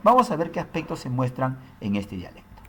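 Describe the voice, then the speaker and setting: A man's voice: mid-range voice, very animated, brisk, sharp tone. A man teaching a recorded language lesson, explaining step by step and often tagging his sentences with questions. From Peru. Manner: explanatory, frequent tag questions.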